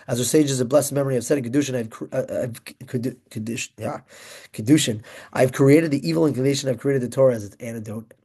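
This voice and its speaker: A young man teaching an informal Torah class, emphatic and excitable, rambling between points. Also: medium pitch.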